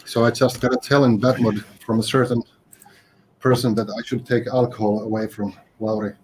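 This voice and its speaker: A man's voice: mid-range voice, flat delivery, normal speed, noisy background. A man co-commentating a live game tournament with dry, wry remarks. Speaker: esports co-commentator.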